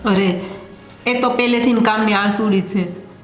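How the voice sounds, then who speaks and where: A woman's voice: medium pitch, steady tone, moderate pace, lightly acted. Woman playing a middle-aged mother-in-law, soothing and reasoning, echoey room, faint music. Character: mother-in-law, weary peacekeeper between daughters-in-law. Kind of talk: family drama acting.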